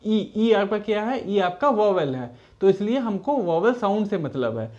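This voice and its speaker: A man's voice: sits high, sing-song, moderate pace, a little mellow. A man teaching a school lesson to children, patiently reading English sentences out word by word and repeating them. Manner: addresses the pupils as children. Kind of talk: recorded classroom lesson. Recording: dull lo-fi recording.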